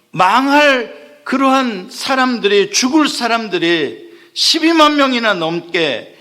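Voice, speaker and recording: A man's voice: extremely high pitch, pushed and bright. A man preaching a Sunday sermon as pastor, asking the congregation questions and acting out the lines he quotes. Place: church sanctuary.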